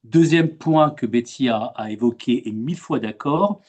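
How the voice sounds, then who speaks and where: A man's voice: medium pitch, normal speed. A man with a French accent moderating a webinar over a video call, talking in a conversational way, often repeating words as he goes. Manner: hesitant, repeats words, animated emphasis. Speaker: webinar moderator and expat coach.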